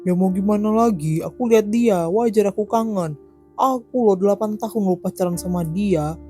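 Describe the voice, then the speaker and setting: Cartoon drama: woman playing a husband pining for his ex, mellow tone. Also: medium pitch, normal speed, soft background music, lightly acted. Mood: defensive. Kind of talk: animated drama voice acting.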